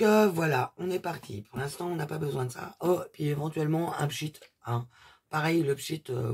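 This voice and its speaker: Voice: mid-range voice, gravelly, a little mellow, breathy edge. A presenter chatting casually through a hands-on craft demonstration, rambling with many fillers and asides, trailing off while working. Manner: talks while working, trails off mid-sentence.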